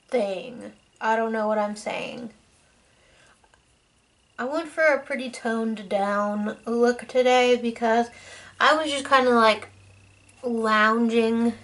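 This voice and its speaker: Chatty young woman, slow and rambling. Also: fairly high pitch, a bit bright. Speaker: beauty vlogger. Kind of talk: casual makeup vlog chat.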